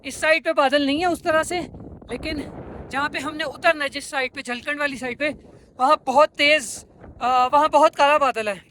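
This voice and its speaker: A man's voice: extremely high pitch, fairly even intonation, moderate pace, bright, forceful tone. A man vlogging casually outdoors on a windy mountain pass, raising his voice to be heard over the wind. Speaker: travel vlogger. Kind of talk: casual outdoor motorbike vlog. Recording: windy, noisy outdoor audio.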